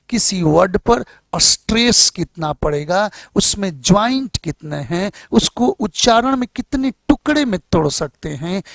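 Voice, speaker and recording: A man from India with a Bihari Hindi accent, teaching a classroom English grammar lesson and slowly dictating English examples. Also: high voice, gravelly, no echo.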